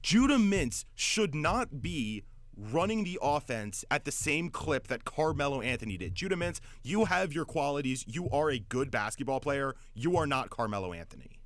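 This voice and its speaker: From a radio studio, a male sports talk host delivers opinionated analysis with emphasis, often stammering and repeating words as he builds momentum. His mid-range voice is a bit bright, swings widely in pitch, moves at normal speed, and has no room sound.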